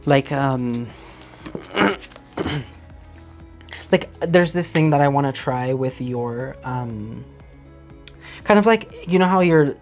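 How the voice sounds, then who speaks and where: A man's voice: medium pitch, takes it slowly, long pauses. A man chatting casually as a guest, with informal, hesitant phrasing that often trails off. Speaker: producer being made up as guest. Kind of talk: casual chat. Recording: music playing behind.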